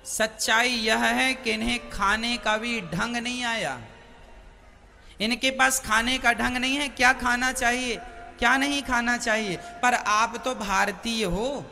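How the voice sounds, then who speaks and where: A man's voice: extremely high pitch, fairly even intonation, slow, creaky, pushed and bright, soft background music. A man from India preaching plainly, questioning his listeners. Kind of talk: sermon.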